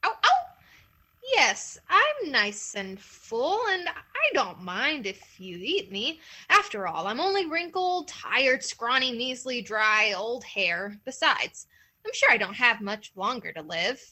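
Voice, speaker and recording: A woman's voice: on the high side, sing-song, slow, pushed and bright, full character voice. A woman voicing a scrawny, sly old male hare who talks sweetly and innocently to trick a coyote. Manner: sweet, innocent-sounding, cunning.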